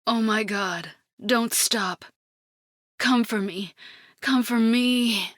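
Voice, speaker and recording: A woman voicing a passionate young woman in an audiobook, breathy and pleading. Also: fairly high pitch, very slow, a bit bright, no room sound, studio quality. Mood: ecstatic. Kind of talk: audiobook character acting.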